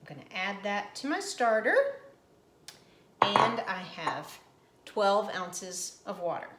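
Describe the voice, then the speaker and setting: A woman's voice: mid-range voice, expressive, slow pace, echoey room, very noisy. A middle-aged woman hosting her own cooking channel in her home kitchen, casually talking through each step as she demonstrates it. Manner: chatty, explains each step as she goes.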